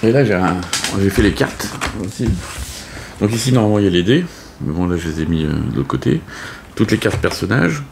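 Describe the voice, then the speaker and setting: Low gravelly man explaining. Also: animated, brisk, background noise. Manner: hesitant, many fillers and restarts. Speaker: board game video host. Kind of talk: casual unscripted game tutorial.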